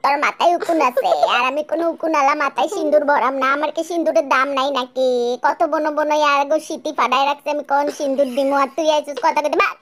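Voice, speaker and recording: A woman's voice: high-pitched, steady tone, fast, fairly bright tone, pitched below the performer's own voice. A woman voicing a rude rustic village man who talks in coarse, barking speech. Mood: scornful.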